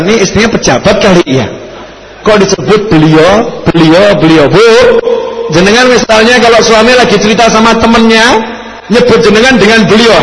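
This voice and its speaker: A man's voice: high-pitched, fairly bright tone. A man with a Javanese accent preaching a sermon to a live audience, asking them questions and acting out little dialogues. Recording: echoey hall, faint background noise.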